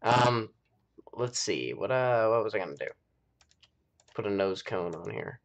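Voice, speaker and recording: Hosting a game live stream, an American man chats in a relaxed, rambling way as he thinks aloud. His voice sits fairly low, with lively intonation, and he's unhurried.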